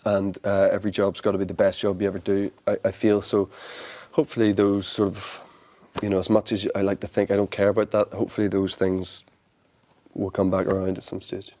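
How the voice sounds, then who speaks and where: A Northern Irish man speaking in a fairly low voice as an interview guest. He answers thoughtfully and a little haltingly, often stumbling over his first words and starting again. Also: completely flat delivery, mellow. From Northern Ireland. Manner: thoughtful, hesitant, repeats words as he restarts. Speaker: actor guest. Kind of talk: interview conversation.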